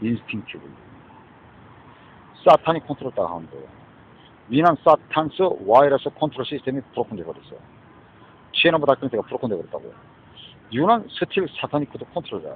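Husky, swinging-voiced Korean man ranting. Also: medium pitch, sing-song, fast talker. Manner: cursing, mixing Korean and English, constant "eh?" tags. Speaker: street preacher-style ranter. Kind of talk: angry rambling rant. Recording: dull lo-fi recording.

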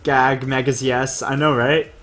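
A young man live-streaming a game, chatting casually, thanking viewers and reading the chat aloud in an excitable way. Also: medium pitch, a little slow, faint music behind.

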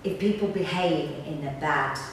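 Being interviewed in a relaxed chat, this middle-aged woman, a pantomime actor, speaks reflectively in a low-pitched voice at a moderate pace. She's on a sofa in a small indoor room, captured by a camera several metres off, giving a roomy, distant recording with noticeable background noise.

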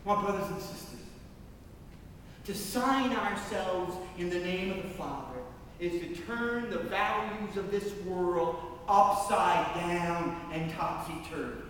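A man preaching a parish mission in a large church, his high voice carrying slowly and deliberately. He tells stories with dramatic pauses and emphatic rises. The mic sits far off, so a long, echoey church reverb and faint noise hang around every phrase. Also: fairly bright tone. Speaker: priest leading a parish mission. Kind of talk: sermon.

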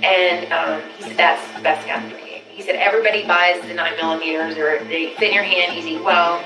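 A woman being questioned by police, talking haltingly and repeating herself with nervous laughs, on a distant interrogation-room recording. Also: fairly low pitch, steady tone. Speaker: murder suspect under interrogation. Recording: echoey room tape from far off. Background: documentary music.

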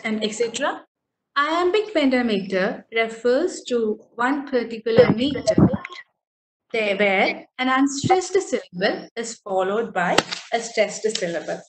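A woman's voice: a little high, a little hiss or hum. A woman lecturer with an Indian English accent, patiently explaining poetry and often checking that students follow. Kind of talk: online literature lecture. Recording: echoey room.

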